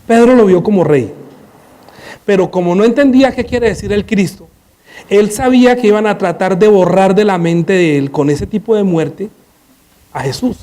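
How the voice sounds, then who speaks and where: A man preaching a sermon in church on a headset mic, animated, acting out scenes and firing rhetorical questions. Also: high-pitched, normal speed.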